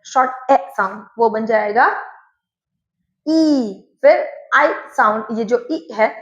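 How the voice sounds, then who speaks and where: High-voiced Indian woman teaching phonics slowly. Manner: slow, careful drilling of word pairs. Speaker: English teacher. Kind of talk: phonics lesson. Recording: echoey room, slightly dull.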